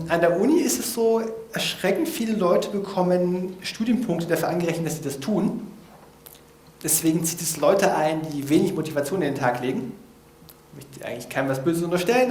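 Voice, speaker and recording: A man giving an informal talk to an audience, lively and casual with self-mocking, slangy asides. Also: on the high side, brisk. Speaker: speaker giving a talk on language learning. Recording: roomy, echoey hall.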